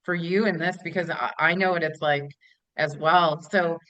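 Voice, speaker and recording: A woman's voice: lowish voice, fairly even intonation, normal speed, a bit bright, no room sound. Woman host, dry dull lo-fi sound. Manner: supportive, reflective questioning. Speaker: podcast host. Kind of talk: interview questions.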